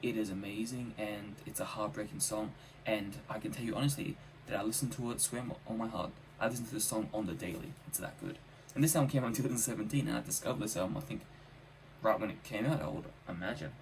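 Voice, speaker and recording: Man, slightly low voice, casual album reviewer, enthusiastic, emphatic repetition, faint background noise. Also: quick pace. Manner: enthusiastic, emphatic with repeated phrases. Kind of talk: casual spoken music review.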